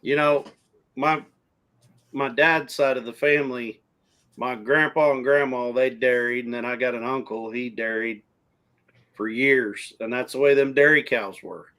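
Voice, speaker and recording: A man's voice: mid-range voice, steady tone, unhurried, sharp tone. A man with a Texan accent, a rancher guest in a casual stream chat, explaining at length in country grammar.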